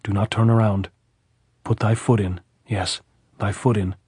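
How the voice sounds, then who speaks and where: A man voicing a wounded soldier who speaks calmly and reasonably, with quiet authority. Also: fairly low pitch, unhurried, husky, no room sound, clean studio sound. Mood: firm. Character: wounded male American soldier, calm and commanding.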